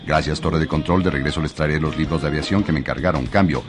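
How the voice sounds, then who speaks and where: A very deep, quick-talking airline pilot speaks over his cockpit headset radio to the control tower. He keeps to clipped radio procedure and signs off each call. The voice sounds distant, with loud music behind it. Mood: formal. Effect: pilot's radio transmission from a cockpit headset.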